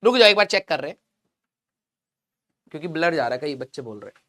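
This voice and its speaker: A man's voice: a little high, expressive, fast talker, sharp tone. A young man teaching a live online physics class in a chatty, joking way, teasing his students. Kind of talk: casual live class lecture.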